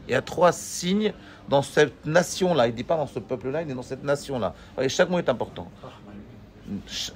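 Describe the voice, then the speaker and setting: A man teaching a Torah class, animated, asking his students questions and joking with them. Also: medium pitch, slight background noise.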